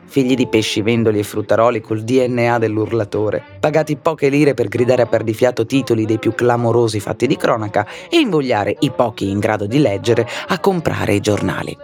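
Lively theatrical male storyteller. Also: medium pitch. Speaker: narrator. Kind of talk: scripted storytelling narration.

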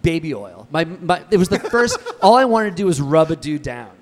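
Middle-aged man, slightly high voice, rambling storyteller who acts out the dialogue. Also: sing-song, normal speed. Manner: rambling storyteller, many restarts, acts out quotes. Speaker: podcast guest. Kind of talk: casual chat.

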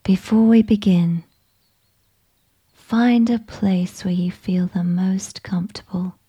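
A woman whispering a slow, soothing guided meditation with gentle instructions. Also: mid-range voice, steady tone, slightly rough.

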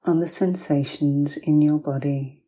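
A woman host narrates guided hypnosis in the manner of a sleep story, her voice soft, soothing, breathy and close to a whisper. She speaks low and steady, leaving long pauses between short phrases, and the recording quality is poor.

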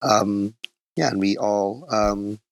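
Interviewed about his art, a man who grew up in Japan talks in a soft-spoken, thoughtful and modest way, slipping in small self-deprecating laughs. His voice is fairly low, slow and touched with vocal fry. It is a casual interview conversation with him as the artist guest, recorded dry.

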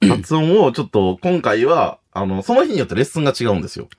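A young man from Fukuoka hosting a casual comedy radio show in a studio, quizzing his partner with quick, teasing chatter. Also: mid-range voice, big pitch swings. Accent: Fukuoka Japanese. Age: young adult. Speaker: radio comedy duo host.

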